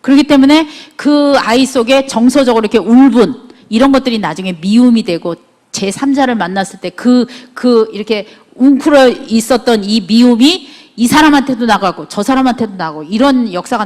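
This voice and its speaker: A woman's voice: on the high side, expressive, a little fast, darkish tone. Middle-aged woman giving a conversational lecture. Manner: conversational, asks the audience frequent rhetorical questions.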